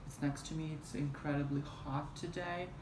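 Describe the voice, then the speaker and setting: A young woman vlogs from a small room at home, casually telling a story on camera with lots of fillers and restarts. Her voice is low and fairly even at a moderate pace, and the camera at arm's length captures a roomy sound with a fan humming beside her.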